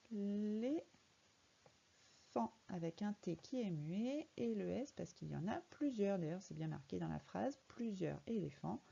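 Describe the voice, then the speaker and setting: Letter by letter, a primary school teacher patiently spells out words as she teaches a young child to read in a recorded lesson. Her lowish voice is gravelly, husky, and warm, and the sound is lo-fi.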